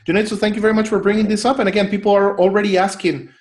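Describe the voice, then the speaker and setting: A man moderates a live online conference session over a video call. He sounds upbeat and encouraging as he hands over between speakers. His voice sits a little high for a man. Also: level tone, rapid-fire.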